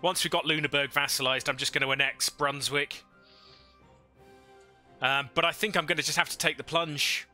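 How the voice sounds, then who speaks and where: A man's voice: a little high, steady tone, moderate pace, long pauses, sharp tone, soft background music. A man livestreaming a strategy game into a headset mic, thinking aloud and chatting with viewers. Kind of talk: casual live gameplay commentary.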